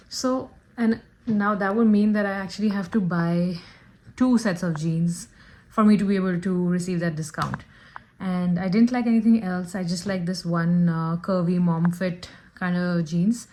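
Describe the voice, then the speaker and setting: Chatty woman vlogger, lowish voice. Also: a little mellow, a little hiss or hum. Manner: chatty and upbeat, talks straight to viewers. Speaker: lifestyle vlogger. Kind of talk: casual vlog chat.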